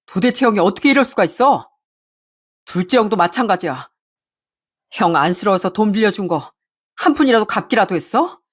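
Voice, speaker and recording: A woman voicing an angry husband who shouts bitterly at his family. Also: medium pitch, husky. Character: furious, fed-up younger husband.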